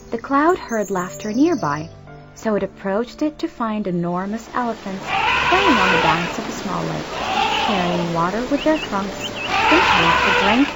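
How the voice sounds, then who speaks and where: A woman narrating a children's story in an expressive, animated storytelling manner. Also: medium pitch. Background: background music.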